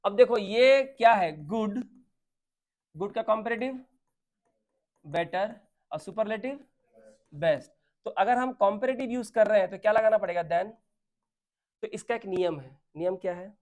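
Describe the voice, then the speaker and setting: A man's voice: high-pitched, unhurried, pauses often, a little mellow. Man teaching a grammar lesson. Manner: asks questions and answers them himself; mixes Hindi with English terms.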